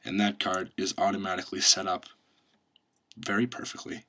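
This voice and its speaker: A man's voice: deep voice, little pitch movement, moderate pace, pushed and bright. A man presenting a step-by-step magic tutorial, instructing and reciting card magician patter as he demonstrates.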